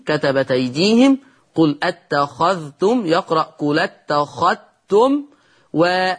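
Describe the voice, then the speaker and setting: A man with an Egyptian Arabic accent teaching Quran recitation in a televised lesson, patient, addressing viewers directly, slowing down to chant example words before explaining each rule. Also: high voice, a bit bright.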